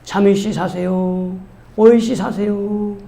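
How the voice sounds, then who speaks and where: A clever young son, as a preacher puts him on, calling out loudly and insistently like a seller in the street. His voice sits high and carries with a bright, pushing edge. A man acts him out in a storytold sermon. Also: fairly even intonation, slow pace, creaky, heavily acted.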